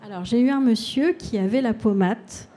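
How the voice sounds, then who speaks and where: A woman hypnotherapist giving a calm, explanatory public talk and answering audience questions at a fair. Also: on the high side, moderate pace, a little hiss or hum.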